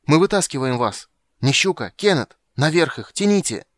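A man voicing a frantic male minstrel who yells down from above in a shrill voice. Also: sing-song, normal speed, no echo, clean studio sound. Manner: shrill, yelling.

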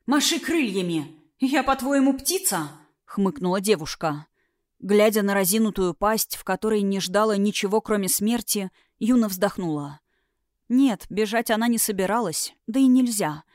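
A woman narrating a fantasy audiobook in a dramatic, expressive way, getting louder at tense moments. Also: mid-range voice, moderate pace, no echo, studio quality.

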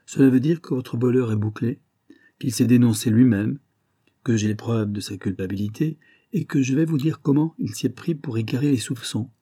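A man voicing a calm, commanding young woman detective in a read-aloud story, questioning precisely and firmly. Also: medium pitch, moderate pace, no echo, clean studio sound, natural voice.

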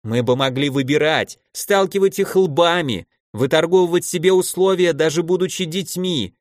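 Brief: male narrator plays a gleeful, bellowing old archmage with the temper of a child, pitched high, dry studio storybook read. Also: moderate pace, no echo, lightly acted. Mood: menacing, scolding.

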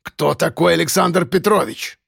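A man's voice: fairly high pitch, moderate pace, gravelly, a bit bright, slightly rough, no room sound, studio quality, pitched above the performer's own voice, exaggerated voice. A man reading as a menacing, sneering gang boss who mocks in crude criminal slang.

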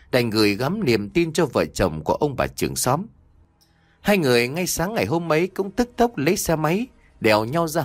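A man's voice: medium pitch, no room sound. A man narrating a scripted horror story in a dramatic, ominous storytelling manner.

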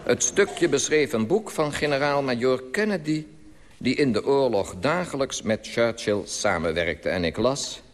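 A man's voice: mid-range voice, expressive, measured pace, long reverb tail. A man delivering a dry, mocking satirical monologue for old radio.

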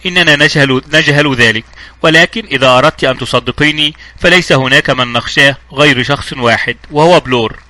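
A man's voice: medium pitch, fast, close to an everyday voice. Man reading as a sardonic, cool adventurer. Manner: mocking, calm. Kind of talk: audiobook dialogue reading.

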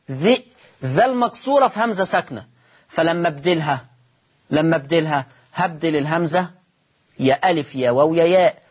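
Egyptian man, recitation teacher, husky voice, slow drawn-out examples, questions to listeners. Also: on the high side. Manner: explains patiently, drawing out example words slowly and asking listeners questions. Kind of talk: televised recitation lesson.

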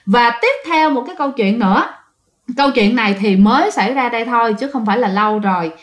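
A woman's voice: a little high, fast, roomy sound, muffled recording. Chatty Southern Vietnamese woman telling ghost stories. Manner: chatty, addresses listeners directly. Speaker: ghost story narrator. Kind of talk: casual spoken storytelling.

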